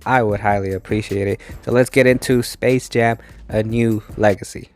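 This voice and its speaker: A man hosts a movie review channel, giving a casual spoken review close into the mic as a voice-over. He sounds congested, tired and low on energy while recovering from losing his voice, with fairly even intonation at a moderate pace.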